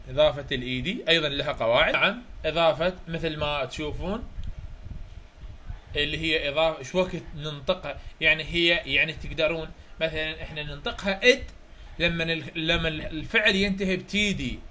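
Iraqi-accented male tutor, high, bright and sharp tone, reviews grammar through examples, quizzes his class often. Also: brisk, slight background noise. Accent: Iraqi Arabic. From Iraq. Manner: explains through examples, often checks if students follow. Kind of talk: chapter review lecture.

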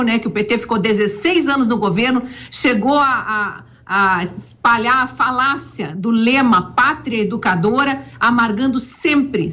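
Middle-aged woman, combative political pundit, higher voice, video call from home. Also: fairly bright tone. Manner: emphatic, combative, sarcastic asides. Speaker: political commentator. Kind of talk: opinionated news commentary. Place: home study with bookshelves.

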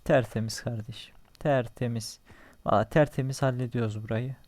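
A man's voice: medium pitch, fairly even intonation, moderate pace, darkish tone, no room sound. A young man giving casual running commentary while playing a survival game, talking to himself, joking and cursing at enemies. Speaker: gaming channel host.

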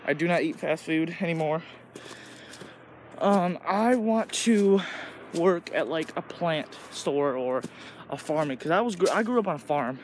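The Illinois teenager's voice sits on the high side, with lively intonation and a measured pace. Holding his phone camera on a woodland walk, he rambles loosely and crudely with many "like"s, captured in a noisy outdoor recording.

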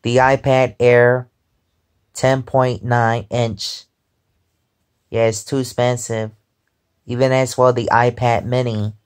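Slow-talking young man rambling from bed. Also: medium pitch, flat delivery, clear, resonant tone. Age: 20s. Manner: rambling, repeats "because, um". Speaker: vlogger. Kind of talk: casual chat. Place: lying in bed at home, indoors. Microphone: phone held close above face.

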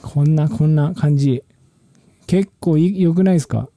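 A man's voice: fairly high pitch, moderate pace, soft background music. A musician talking casually about his own production work, in a loose, rambling way with slangy phrasing and frequent restarts. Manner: relaxed, rambling, slangy speech with many restarts. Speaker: musician and channel host.

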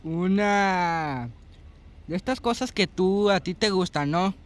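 Young male co-player, high-pitched, cocky and teasing in casual banter. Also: slow pace. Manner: teasing, trash-talking.

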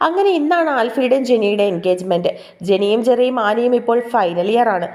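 Woman reading a romance audio story, gossipy and close, mellow voice a little high. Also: lively intonation, a little fast.

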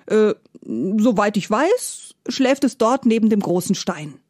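A woman's voice: mid-range voice, animated, slow pace, darkish tone, no room sound, clean studio sound. A woman voicing a Luck spirit that sows grain at night and gives curt, offhand answers. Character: the rich neighbor's Luck, a night-time sower, curt.

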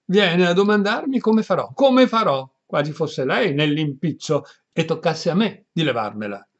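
A man's voice: medium pitch, fairly even intonation, fairly quick, natural voice. A man voicing a cowardly, irritable older country priest who speaks in a peevish, fretful raised voice, in a dull lo-fi recording.

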